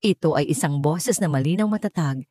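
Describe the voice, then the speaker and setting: A Filipino woman narrates a scripted audiobook drama with a Filipino accent, her fairly low, dark-toned voice animated and a little fast. The recording is dry, with little room sound around her.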